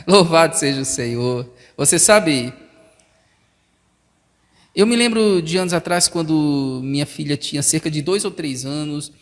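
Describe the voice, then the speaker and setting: A man preaching a sermon as pastor, emphatic and swelling louder on key phrases. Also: fairly high pitch, unhurried, pauses often. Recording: long reverb of a large hall.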